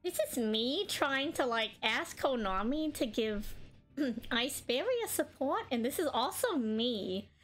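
A woman's voice: high voice, animated, unhurried, a bit bright, soft background music. A woman streaming a card game, chatting casually and bubbly, laughing often and talking while she eats.

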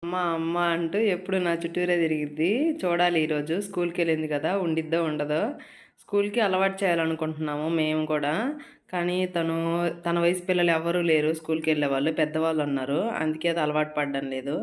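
A woman's voice: low-pitched, steady tone, fast. A young woman, chatting casually through her day at home in a vlog. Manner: chatty, talks to her toddler in a raised coaxing voice. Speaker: vlogger, mother.

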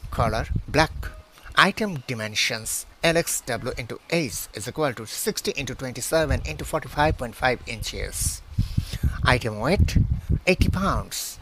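Man pitching a product, slow delivery with lots of pauses, lively pitch. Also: a little hiss or hum. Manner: halting, many hesitations, reads list items one by one. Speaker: pharmacist and channel host. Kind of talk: product promotion, reading out specs. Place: outdoors beside plants. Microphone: phone held at arm's length.

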